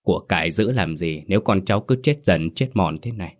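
A man voicing an eldest brother who speaks low and earnestly. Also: expressive, brisk. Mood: worried. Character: eldest brother, worried and resolute.

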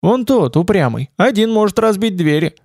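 A man's voice: sits high, sing-song, normal speed, a little mellow, dry recording, clean studio sound, pitched above the performer's own voice, exaggerated voice. A man reading the part of a hot-headed young male knight, speaking in an impassioned, exclaiming way. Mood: fervent knight. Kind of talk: audiobook character reading.

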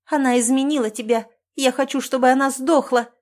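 A woman's voice: steady tone, normal speed, darkish tone, close to an everyday voice. A woman voicing a hysterical young wife who sobs and screams in a trembling voice. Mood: hysterical, crying. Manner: shrill, tearful, screaming. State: crying.

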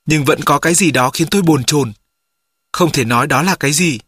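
A man's voice: on the high side, fairly bright tone, breathy edge, dry recording. Male audiobook narrator, dry and close. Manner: measured first-person storytelling.

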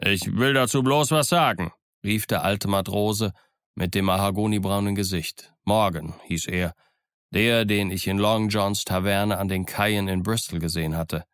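Male audiobook narrator, measured storytelling, dry close-miked sound. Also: deep voice, fairly even intonation, clean tone, no room sound. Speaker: audiobook reader.

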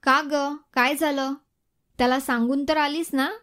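A woman's voice: high voice, steady tone, measured pace, fairly bright tone. A woman voicing a middle-aged mother who scolds and questions her daughter. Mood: scolding.

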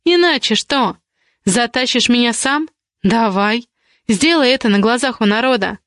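A woman reading the lines of a defiant young woman, an indignant ward who argues with rapid questions. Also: a little high, expressive, fairly bright tone, dry recording, studio quality. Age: young adult.

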